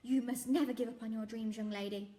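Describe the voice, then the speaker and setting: A woman voicing a big, jolly, kind-hearted shopkeeper who fusses warmly and scolds softly in a storybook reading. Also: fairly high pitch, steady tone, a little fast, lightly acted. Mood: kindly. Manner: warm, fussing, softly scolding. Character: big jolly kindly male shopkeeper, sentimental.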